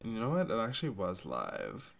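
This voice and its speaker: A young man co-hosting a casual pop-culture podcast, talking in a campy, animated way with exaggerated outbursts. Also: lowish voice, fairly quick, creaky, crowd noise. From United States. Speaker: podcast co-host.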